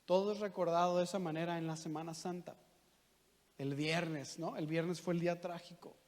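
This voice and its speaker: A man's voice: a little high, steady tone, normal speed, a little mellow. A man preaching a sermon as pastor, talking conversationally and asking the congregation rhetorical questions. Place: church hall. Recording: long church reverb.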